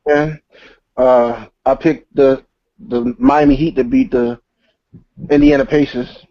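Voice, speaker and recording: A man's voice: a little high, very animated, takes it slowly, vocal fry, dry recording. A man co-hosting a casual sports podcast, boastful and full of slang. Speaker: co-host. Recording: dull lo-fi recording.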